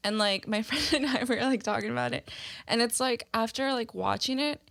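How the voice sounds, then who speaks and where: A young woman guesting on a podcast, chatting casually in a relaxed way, with many fillers. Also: a little high, fairly quick, creaky, no room sound. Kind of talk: casual chat.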